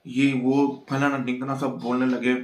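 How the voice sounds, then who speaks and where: Brief: man hosting an episode recap, conversational storyteller, mid pitch, echoey room. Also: little pitch movement, a little slow, darkish tone. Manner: storytelling, briefly acting out the characters' lines. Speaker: TV serial recap host.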